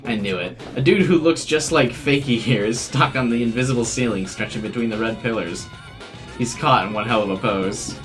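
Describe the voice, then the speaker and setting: A man's voice: medium pitch, brisk. A man giving casual playthrough commentary, reading game narration aloud and reacting to it. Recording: game music behind.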